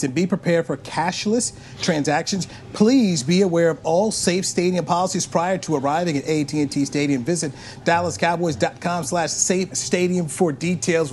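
A man's voice: fairly high pitch, a little mellow, a little hiss or hum. An American man hosting a sports radio show with casual chat.

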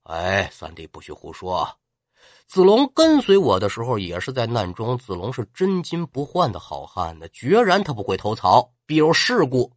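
A man voicing the righteous warlord Liu Bei, a middle-aged man who declaims in old classical phrasing and shouts curses at a traitor. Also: mid-range voice, huge pitch swings, moderate pace, no room sound, studio quality. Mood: firm, reassuring.

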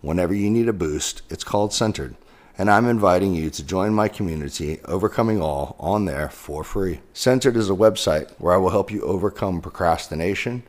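A man's voice: low-pitched, a little fast, darkish tone. A man who works as a coach, delivering an upbeat, emphatic promotional read.

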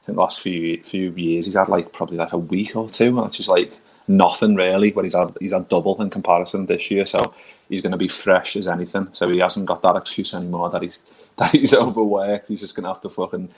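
A man's voice: low-pitched, flat delivery, fast talker, breathy edge. A man with a Liverpool accent hosting a casual football chat in a matey, slangy, sweary way. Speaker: podcast host.

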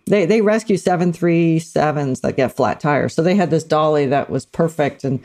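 A woman's voice: low-pitched, moderate pace, darkish tone. A middle-aged woman co-hosting a podcast, telling a story in casual chat and acting out the people she quotes. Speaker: podcast co-host.

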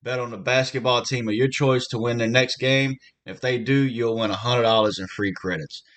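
A man's voice: medium pitch, fairly even intonation, normal speed, fairly bright tone. Man reading a legal disclaimer. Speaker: podcast host reading a sponsor ad. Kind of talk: ad read ending in a legal disclaimer.

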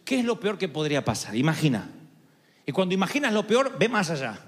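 A male pastor in middle age delivers a passionate sermon, surging toward shouted peaks. His voice sits high for a man. The sound rings with the long reverb of a large hall. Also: sing-song, a little fast. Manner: impassioned, rising to shouted climaxes. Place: large church hall with congregation.

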